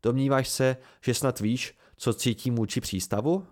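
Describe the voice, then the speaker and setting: A man voicing an eccentric older male master who speaks quietly with cool amusement, in an audiobook reading. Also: medium pitch, natural voice.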